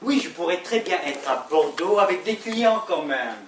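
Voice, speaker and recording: A woman's voice: lowish voice, lively intonation, moderate pace, slight background noise, close to an everyday voice. A woman acting a smug male lover who teases dryly, in a live stage play, recorded from a distance in an echoey theatre. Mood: teasing. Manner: dry teasing, amused jabs. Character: smug middle-aged male lover, teasing and sly. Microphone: distant room mic.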